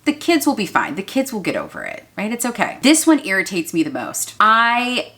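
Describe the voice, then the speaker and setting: A woman's voice: mid-range voice, huge pitch swings, moderate pace, fairly bright tone. Woman in her 30s, blunt and preachy, talking straight at the camera. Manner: earnest, blunt, preachy, addresses viewers as "y'all" and "you guys". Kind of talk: direct-to-camera advice talk.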